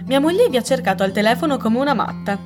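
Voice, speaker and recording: A woman reading aloud and voicing a stiff, indignant elderly English colonel with a gruff, pompous manner. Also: a little high, expressive, quick pace, music in the background, pitched above the performer's own voice, natural voice.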